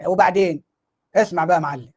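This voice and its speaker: A man's voice: high-pitched, fast talker, breathy edge. A man with an Egyptian Arabic accent giving mocking online commentary, full of sarcasm and rhetorical questions.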